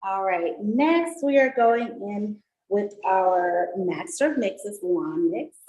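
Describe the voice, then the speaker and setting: A woman's voice: medium pitch, lively intonation, slow pace, darkish tone. Chatty woman teaching cocktails in an echoey room. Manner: chatty, upbeat, explains while mixing. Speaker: mixology instructor. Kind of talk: casual online cocktail class. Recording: echoey room with faint noise.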